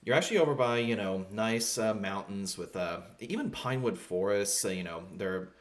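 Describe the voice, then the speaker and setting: A man running a tabletop game as game master, narrating in a rambling, relaxed way full of fillers. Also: lowish voice, normal speed.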